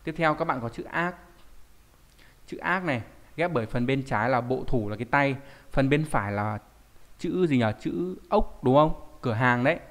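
A man teaches an online Japanese lesson in a plain, middle-pitched voice. He explains step by step and keeps checking in with rhetorical questions. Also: lively intonation, normal speed, fairly bright tone.

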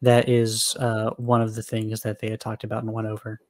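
A man's voice: lowish voice, monotone, normal speed. A young man co-hosting a casual film review podcast, sharing trivia between fillers. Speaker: podcast co-host.

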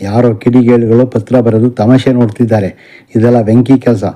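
A man's voice: medium pitch, little pitch movement, moderate pace, natural voice. A man voicing a defiant young son. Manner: shouting back, defensive. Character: hot-tempered defiant young college son.

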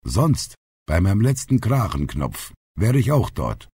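A man reading an audiobook, voicing a blunt, outspoken old grandfather who is gruff but loving. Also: low-pitched, huge pitch swings, a little slow, dark tone, voice pushed up, exaggerated voice. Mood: wry. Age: older. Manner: blunt, plainspoken.

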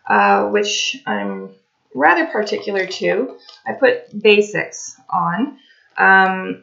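A slightly raspy woman in her forties, a craft and tarot vlogger, chats casually about her craft journal pages in her home dining room by a china cabinet. Her mid-range voice is a bit bright, and she rambles with lots of fillers. The desk webcam gives slightly dull lo-fi audio.

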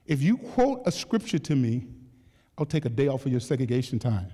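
A man voicing a calm, shrewd male prison warden, speaking in a measured, deliberate way. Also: medium pitch, pitched below the performer's own voice. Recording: echoey hall reverb.

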